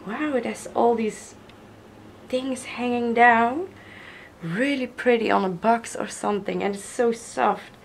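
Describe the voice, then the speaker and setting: A Dutch woman with a fairly high voice, hoarse from illness, speaks slowly in a casual unboxing vlog. She's a crafter showing gifts indoors at a wooden table, gushing and admiring as she repeats her praise over slight background noise.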